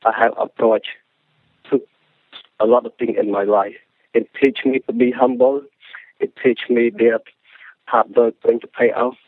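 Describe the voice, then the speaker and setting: Guest author, Cambodian accent, earnest and halting, tinny phone-line sound. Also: male voice, medium pitch, no echo. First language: Khmer. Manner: earnest, halting with restarts and non-native grammar. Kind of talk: interview answer.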